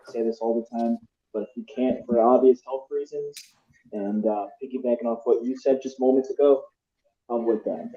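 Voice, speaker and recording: A man's voice: mid-range voice, steady tone, moderate pace, mellow. Man on a muffled, underwater-sounding mic. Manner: laid-back, slangy, hesitant restarts. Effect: muffled underwater-sounding bad mic. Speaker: boxing talk panelist. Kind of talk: casual chat. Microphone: poor headset or bluetooth mic. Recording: muffled echoey lo-fi stream mic.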